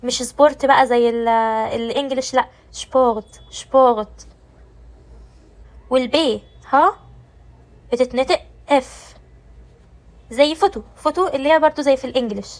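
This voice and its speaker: A woman's voice: high voice, a little fast, pauses often, rough recording. A woman with an Egyptian Arabic accent teaching German pronunciation, explaining step by step and answering her own questions. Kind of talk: pronunciation lesson.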